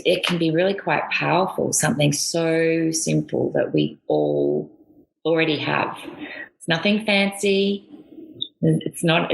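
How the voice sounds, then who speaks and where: A middle-aged Australian woman with a low, gravelly voice, chatting as a podcast guest. She rambles and restarts her sentences often. Her voice bounces around an echoey room. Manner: rambling, warm-hearted, with many restarts. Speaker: guest, air force veteran. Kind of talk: casual interview chat.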